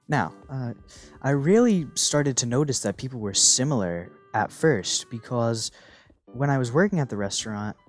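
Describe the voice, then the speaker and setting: A teenage gaming channel host rambles casually, throwing in goofy asides as his pitch rises and falls widely. Faint music plays softly in the background.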